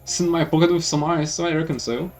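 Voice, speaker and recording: A man's voice: on the high side, quick pace, far from the mic, soft background music, natural voice. A man voicing a cheeky young country boy who talks in a folksy, boastful drawl. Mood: stubborn.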